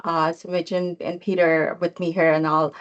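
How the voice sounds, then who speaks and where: Woman hosting a webinar, lowish voice, lots of ums and restarts. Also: little pitch movement, normal speed, dull audio. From Cambodia. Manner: hesitant, many fillers and restarts. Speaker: professor and session host. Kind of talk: online information session.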